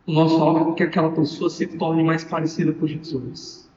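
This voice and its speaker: A male pastor with a Brazilian Portuguese accent preaches with emphasis and asks rhetorical questions. His voice is fairly high for a man. It rings through a church hall with long reverb, picked up from a distance with a dull, muffled tone. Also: little pitch movement, a little fast, darkish tone. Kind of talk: sermon. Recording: echoey hall, distant mic, dull sound.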